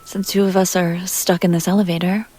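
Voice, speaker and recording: A woman voices a seductive, refined vampire heiress in intimate roleplay audio, her pitch fairly low and her delivery flat, close to how she normally speaks. Faint music sits behind her as she talks softly, seductively and directly, in deliberate genteel phrases with teasing, breathy asides that often turn to whispers.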